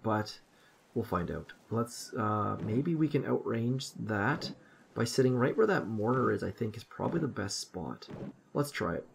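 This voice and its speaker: A gravelly, lower-pitched male voice with lively intonation moves a little slowly over slight background noise. It belongs to a gaming channel host, probably in his thirties, chatting about his mobile gameplay in a room at home. He's self-deprecating and thinks out loud.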